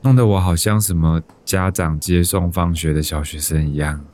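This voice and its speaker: A deep, slightly mellow, natural male voice with fairly even intonation speaks at a moderate pace. An actor with a Taiwanese Mandarin accent plays a timid, despondent bank employee in his thirties, introspectively narrating his life in a radio drama, wistful and resigned.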